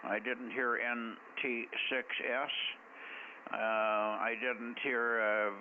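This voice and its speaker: A man's voice: mid-range voice, little pitch movement, slow pace, narrow, tinny audio. An American man running an amateur radio net, chatting casually in a blunt, teasing way over two-way radio. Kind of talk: casual ham radio chat. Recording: thin ham radio signal with static.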